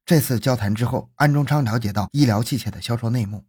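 A man's voice: mid-range voice, quick pace, darkish tone, breathy edge. A man giving dramatic, scripted true-crime narration. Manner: dramatic, storytelling.

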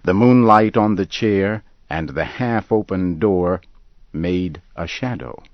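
A man slowly and calmly narrates a scripted story for learners, keeping each sentence measured and clear. His very low, unhurried voice is recorded close and dry, sounding a little muffled and dull, with no room sound.

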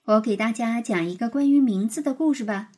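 A woman voicing a gentle female teacher who speaks calmly and without hurry. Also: on the high side, natural voice. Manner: unhurried, kindly. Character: gentle, calm female schoolteacher.

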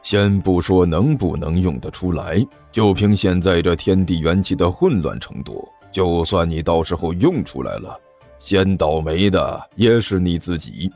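A low, gravelly old master, as a male storyteller puts him on, slow and drawn-out as he coaxes and soothes his hotheaded disciple. His rough, deep tone rides over faint background music in a storybook reading. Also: darkish tone. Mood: explaining. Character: older male sect master, sly and coaxing. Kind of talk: storytelling narration with character voices.

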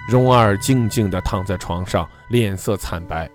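A man's voice: fairly low pitch, moderate pace. A man narrating a first-person ghost story in a dramatic, emotional way. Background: music.

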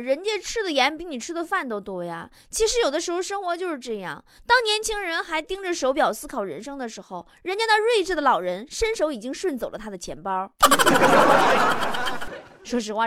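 High-voiced woman, very animated comic monologue, noisy background. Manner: lively, acts out characters, laughs at own jokes. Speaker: talk show host. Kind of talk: comic joke-telling monologue. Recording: noisy recording.

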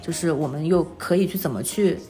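A woman in her thirties chatting casually as an interview guest, telling personal stories in an animated, self-deprecating way. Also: low voice, brisk, soft background music. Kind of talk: casual conversational storytelling.

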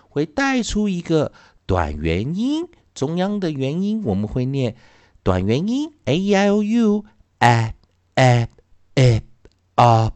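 A man teaching an English phonics lesson, slowly drawing out and repeating each sound for his students. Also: fairly high pitch, darkish tone, dry recording.

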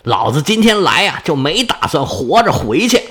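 A man's voice: fairly high pitch, very animated, normal speed, fairly bright tone, husky, heavily acted. A man voicing a proud, fearless young Roman assassin who talks back defiantly to his captor. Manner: defiant, boastful.

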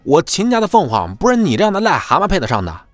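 A man voicing a brash, bullying young hanger-on of a rich family who sounds shrill and crude. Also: wildly swooping pitch, fast, dry recording, soft background music. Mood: blustering.

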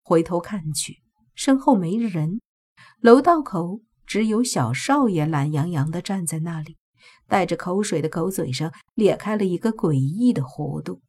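A woman giving a steady, scripted audiobook narration. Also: on the low side, measured pace, husky.

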